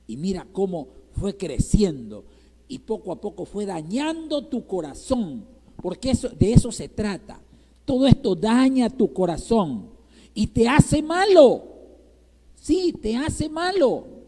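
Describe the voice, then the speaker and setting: A man's voice: high voice, sing-song, takes it slowly, mellow. A male pastor from Ecuador preaching a sermon in Ecuadorian Spanish, asking the congregation rhetorical questions and checking with them again and again. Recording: reverberant church hall.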